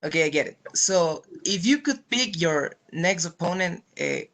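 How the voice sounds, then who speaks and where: A man's voice: a little high, lively intonation, normal speed, a bit bright. A man working as a sports reporter, putting interview questions at a press conference. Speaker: sports journalist asking questions.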